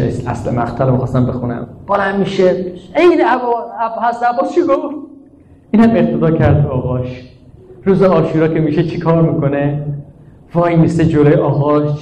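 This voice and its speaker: A man preaching a mourning sermon, telling the story with passion, swinging between loud cries and hushed prayer, and chanting recitations. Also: a little high. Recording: echoey, dull lo-fi room recording.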